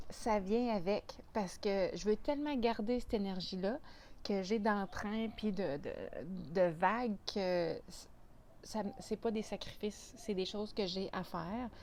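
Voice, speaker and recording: A woman's voice: mid-range voice, darkish tone, slight background noise. A woman with a Quebec French accent talking casually to camera as a vlogger, chatty and full of restarts and fillers.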